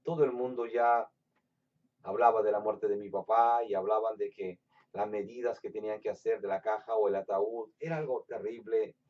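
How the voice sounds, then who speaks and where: A preacher from Latin America giving a sermon with personal testimony, swinging between loud, emphatic bursts and hushed storytelling. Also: male voice, fairly low pitch, steady tone, normal speed. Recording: distant, dull lo-fi sound.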